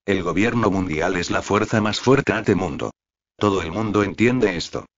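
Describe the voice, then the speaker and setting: A man narrating an audiobook in a steady, even reading with little expression. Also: low-pitched, moderate pace. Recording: dull lo-fi audio.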